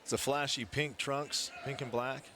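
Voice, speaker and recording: A man with a medium-pitched voice gives conversational color commentary on a live fight. There is clear event noise around him. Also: steady tone, moderate pace. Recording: noisy live event background.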